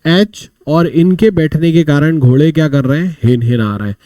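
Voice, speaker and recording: Animated male teacher. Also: on the high side, normal speed, no echo. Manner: animated storytelling with mnemonics, asking and answering his own questions. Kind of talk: live online vocabulary class.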